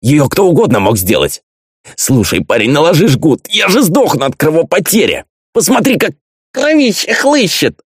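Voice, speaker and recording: A man's voice: sing-song, normal speed, breathy edge, dry recording, clean studio sound. A man voicing a terrified, crude male tattooist held captive, shrieking and swearing in an audiobook. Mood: pleading. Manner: shrill shrieking, swearing, sobbing.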